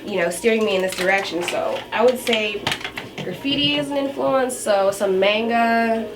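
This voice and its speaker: Her voice leans high and she speaks at a moderate pace. This chatty tattoo artist, around twenty and born in Japan, laughs often while casually answering interview questions. Loud music fills the noisy background.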